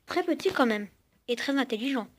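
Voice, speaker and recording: A woman's voice: sits high, lively intonation, fairly quick. A young woman casually showing off a toy robot at home, chatting with it and with her viewers. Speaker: vlogger demonstrating a toy robot. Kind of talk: casual unboxing-style demo. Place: at home with a cat on her lap. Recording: noisy home recording.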